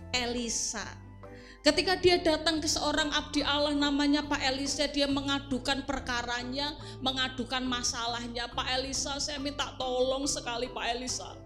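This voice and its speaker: A woman, telling a Bible story to children as a Sunday school teacher, speaking to them directly and lively. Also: high voice.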